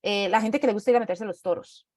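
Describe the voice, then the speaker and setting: A woman's voice: medium pitch, fast, darkish tone, no echo, clean studio sound. Woman giving a chatty talk. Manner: conversational, acts out inner voices, tags with ¿verdad?. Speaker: speaker giving a talk on anxiety. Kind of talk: online talk, explanatory.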